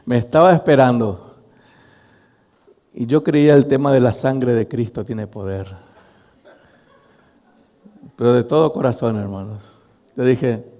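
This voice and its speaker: A man's voice: mid-range voice, dull audio. Preaching man in a reverberant church. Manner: storytelling, addressing the congregation as brothers, animated. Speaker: pastor. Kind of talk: sermon. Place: church hall. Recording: long reverb of a church hall.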